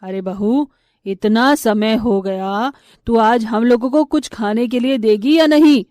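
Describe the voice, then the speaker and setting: A woman's voice: a little high, slow pace, darkish tone, no room sound, studio quality. A woman voicing a harsh, nagging older mother-in-law in a cartoon story, scolding in a theatrical way.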